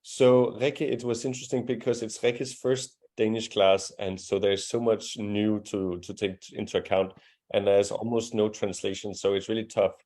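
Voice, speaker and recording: A man's voice: on the low side, fairly even intonation, normal speed, a little mellow. A man teaching a live beginner language class, patient and encouraging as he explains pronunciation step by step. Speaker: Danish teacher.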